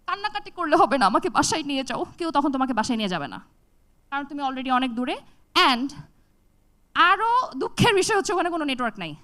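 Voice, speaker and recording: A young woman speaks to an audience in a high, bright voice. She tells a personal story with energy and switches voices to play out the dialogue. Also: fast. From Bangladesh. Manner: animated, acts out dialogue with shifts in voice. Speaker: TEDx speaker. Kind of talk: storytelling talk.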